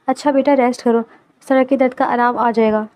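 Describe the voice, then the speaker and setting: A kindly middle-aged father, read by a woman speaks gently in a narrated family story. The pitch is high. It barely departs from the reader's own tone. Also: steady tone, natural voice. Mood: gentle.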